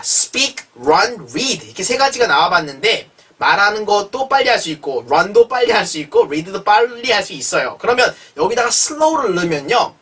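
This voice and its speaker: An English teacher giving a chatty language lesson, reading example sentences slowly and clearly before translating them, with frequent prompts to the learner. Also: medium pitch, bright, forceful tone. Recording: voice a little distant from the mic.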